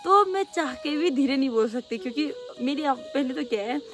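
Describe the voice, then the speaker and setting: Young woman, quick loud chatter, fairly high voice, casual vlog Q&A. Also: lively intonation. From Pahadi hill region of North India. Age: young adult. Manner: talks very fast and rather loudly. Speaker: vlogger. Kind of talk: casual Q&A chat.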